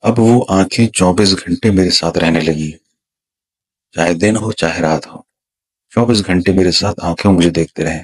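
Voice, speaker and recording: A man with a very low, husky voice shares a spiritual experience in the manner of a teacher. He speaks slowly and dramatically, repeating words to draw the listener in. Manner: slow, dramatic storytelling with repeated words for suspense. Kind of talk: storytelling a personal spiritual experience.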